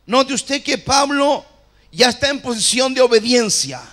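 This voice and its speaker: Male preacher, high-pitched, unhurried, fervent with repeated amens. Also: expressive. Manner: passionate, swings from shouting to quiet low asides; repeats phrases, calls for amen from the congregation. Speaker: apostle preaching at a church conference. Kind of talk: sermon.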